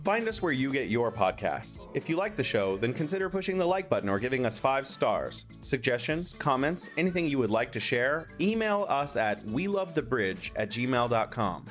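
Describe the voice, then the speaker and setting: A man from California hosting a casual podcast, chatty and quick to laugh. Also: medium pitch, soft background music. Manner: lively, chatty, laughs easily. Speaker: podcast host. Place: Beijing.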